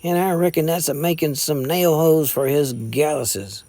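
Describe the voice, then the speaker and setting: A man's voice: on the high side, moderate pace, dark tone, dry recording, pitched above the performer's own voice, natural voice. A man voicing a belligerent young boy with a drawl, sneering backwoods talk. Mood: boastful. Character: belligerent young male mountain boy, hot-tempered.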